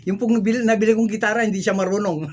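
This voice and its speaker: Lively woman preacher, faint hiss. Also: mid-range voice, brisk. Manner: lively preaching, keeps prompting listeners with questions; mixes English phrases into the talk. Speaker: pastor. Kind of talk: sermon.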